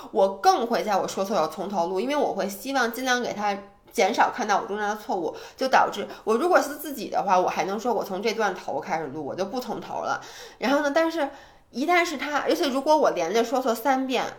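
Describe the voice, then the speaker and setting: A woman co-hosting a podcast in casual chat, animated and self-deprecating, speaking with a tinge. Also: mid-range voice, a little fast. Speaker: podcast co-host.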